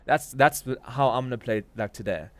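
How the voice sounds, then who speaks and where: A man from Durban, South Africa, with a medium-pitched, somewhat bright voice and a South African accent, hosts a crypto trading livestream. He talks fairly quickly, giving casual, slangy live market commentary as he thinks aloud. The recording is dry.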